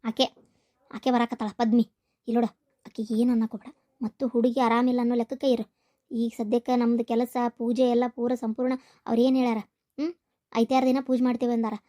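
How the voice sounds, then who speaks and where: A woman acting a sly, bossy village housewife in a homemade family drama, with a North Karnataka Kannada accent. Her voice is high and quick. She hands out orders in a conspiratorial hush. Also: little pitch movement, close to an everyday voice. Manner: hushed, conspiratorial instructions. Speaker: scheming homemaker in a family skit.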